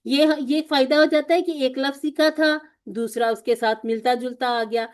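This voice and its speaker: A woman's voice: sits high, fairly even intonation. A woman teaching a recorded course lesson, patiently explaining and asking and answering her own questions.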